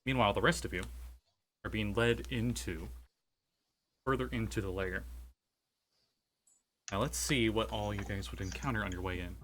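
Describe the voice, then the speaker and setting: A man speaking as game master, narrating a tabletop role-playing game in an informal, halting way. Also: lowish voice, fairly bright tone, a little hiss or hum.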